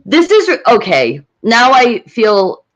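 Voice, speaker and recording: A woman's voice: on the high side, wildly swooping pitch, slow pace, a bit bright, highs cut off. A woman in casual chat, laid-back and joking, amused by what she talks about.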